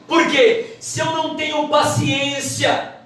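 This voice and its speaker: A woman giving a church Bible lesson, quick and emphatic in her delivery. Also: high voice, level tone, a bit bright. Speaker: Bible teacher. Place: church hall. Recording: echoey hall, mic from far off.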